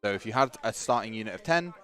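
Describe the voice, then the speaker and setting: A chatty man with a fairly low voice, commentating a tabletop game match in a loose, joking way. Faint music plays underneath. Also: lively intonation, quick pace, a bit bright. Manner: chatty, joking, runs the stream tech while talking. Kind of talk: casual live-stream commentary.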